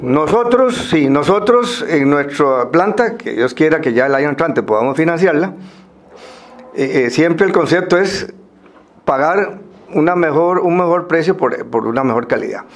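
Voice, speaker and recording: A Costa Rican man speaking semi-formally to a group, explaining things in a halting way with pauses and repeated words. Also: on the high side, expressive.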